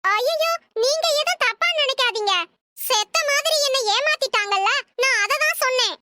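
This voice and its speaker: A woman plays a sly young cartoon wife with a very high, piercing voice and a bright, sharp edge. She wails and whines in an over-the-top, dramatic way. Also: lively intonation, normal speed, no echo, studio quality, heavily acted. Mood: whiny. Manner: whiny, dramatic wailing. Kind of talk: comic cartoon dub.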